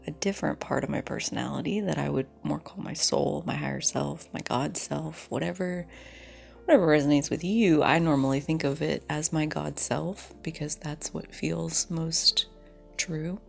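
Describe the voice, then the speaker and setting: A woman reflecting aloud in a halting, personal way with long pauses, recorded dictaphone-style on a phone voice recorder, her breathy voice often trailing off toward a whisper. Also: deep voice, steady tone, darkish tone, soft background music. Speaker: solo storyteller.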